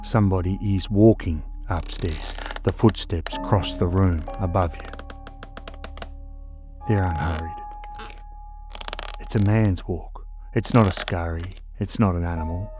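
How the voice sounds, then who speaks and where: A man's voice: low voice, unhurried, pauses often, over music. An Australian man narrating scripted ghost stories as a storyteller host, in a suspenseful, dramatic manner with short phrases.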